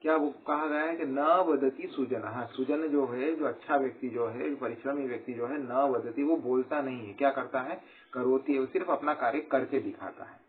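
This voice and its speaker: A man teaching a college class, reciting verses slowly and glossing each phrase, often checking in with the class. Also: mid-range voice. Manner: repeats "ठीक है" as a check-in. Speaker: Sanskrit lecturer. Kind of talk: recorded college lecture explaining verses. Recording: tinny phone-line sound, faint hiss.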